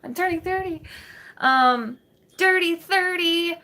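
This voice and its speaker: A vlogger in her late twenties talks casually to her stream audience, responding to live chat with rambling, filler-laden speech and many restarts. Her very high voice is pushed and bright, delivered slowly, on a webcam in a small bedroom with a green wall.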